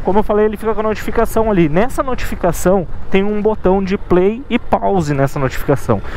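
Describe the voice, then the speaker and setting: A Brazilian man who hosts motorcycle courier videos gives his viewers a casual, conversational tutorial, often dropping in short tag questions to check in. His voice sits high and a little mellow, over a faint hiss or hum.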